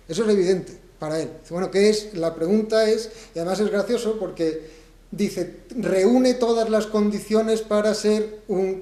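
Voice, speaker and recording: Spanish guy talking at a book launch, highish mellow voice, kinda roomy hall sound, lots of rhetorical questions. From Spain. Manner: conversational, thinking aloud with rhetorical questions. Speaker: book author presenting his book. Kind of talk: public talk to an audience. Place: event hall.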